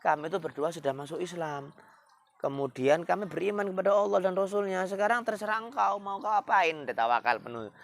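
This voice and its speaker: A man voicing a calm, devout young woman who speaks softly and gently. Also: lowish voice, brisk. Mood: gentle. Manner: soft, resigned, gentle.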